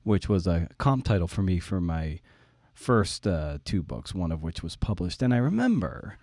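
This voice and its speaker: A podcast host and writer in his forties leads a conversational interview, telling a personal anecdote in a rambling, self-deprecating way. His voice is low, very animated, and a little mellow, at normal speed. The studio-quality recording has no echo.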